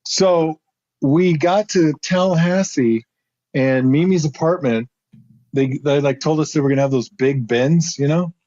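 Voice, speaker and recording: Co-hosting a laid-back podcast, this middle-aged man, once a football lineman, spins a meandering tale at an unhurried pace, laughing frequently and leaping up in pitch when excited. There's no echo, though the lo-fi sound is a bit dull.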